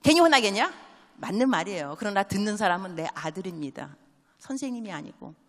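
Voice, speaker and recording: A woman missionary preaching a sermon, telling stories and asking the congregation quick questions, mixing in English phrases. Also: lowish voice. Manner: animated storytelling with quick call-and-response questions to the congregation; drops English phrases into her speech. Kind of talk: church sermon. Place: large church sanctuary. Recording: long church hall reverb.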